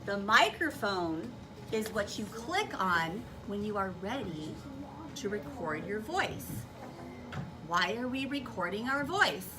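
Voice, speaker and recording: A very animated primary school teacher speaks slowly at a medium pitch, instructing young kids, repeating directions, and asking lots of questions. Music plays in the background amid the noise of the classroom recording.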